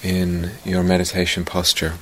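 A low-pitched man delivers meditation guidance with completely flat delivery on a low-quality recording. He speaks softly, leaves long gaps, and lets his words sink toward a whisper.

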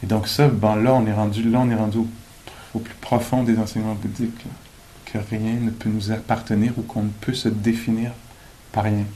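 A man giving a dharma talk at a meditation retreat, thoughtful and gently joking, pausing often with fillers. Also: on the low side, little pitch movement, slight background noise, low-quality recording. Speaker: meditation teacher.

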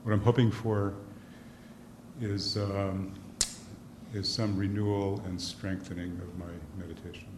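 A man's voice: low voice, little pitch movement, unhurried. A man, a retreat participant, introducing himself to the group in a thoughtful, hesitant way. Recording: echoey room with loud background noise.

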